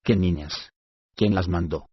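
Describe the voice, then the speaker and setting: A man playing a grumpy, half-deaf old male dwarf regent who gruffly mishears everything, in a storybook reading. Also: sits low, measured pace, lo-fi sound. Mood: irritable.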